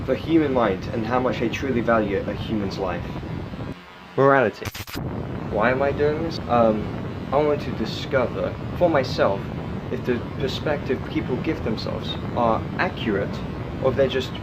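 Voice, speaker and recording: A man playing an unhinged, socially awkward killer confessing to camera in halting, rambling speech, with trouble pronouncing his R's. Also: medium pitch, highs cut off, noisy background, lightly acted. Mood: coolly explaining. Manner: halting, rambling, stammering, with odd chuckles.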